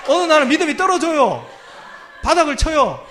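A man's voice: very high-pitched, sing-song, fairly quick, over a noisy crowd, very noisy. A male pastor preaching a sermon from a church pulpit, humorous and self-deprecating, often laughing at his own jokes.

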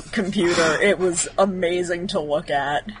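A woman's voice: fairly low pitch, measured pace, noisy background. A woman co-hosting a podcast, chatting casually and filling her talk with "like". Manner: chatty, many "like" fillers. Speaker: podcast co-host. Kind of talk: casual chat.

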